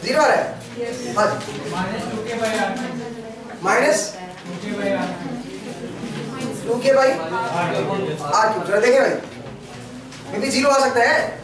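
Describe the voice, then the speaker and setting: High-voiced lecturer in an echoey classroom. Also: male voice, takes it slowly, pauses often, distant mic, over a noisy crowd. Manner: questioning, prompts students constantly. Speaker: engineering lecturer. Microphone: camera far from the speaker.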